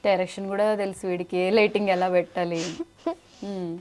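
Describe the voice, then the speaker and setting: Quick-talking playful woman interviewer. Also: on the low side, flat delivery, a little mellow, a little hiss or hum. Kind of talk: casual chat with a child actor.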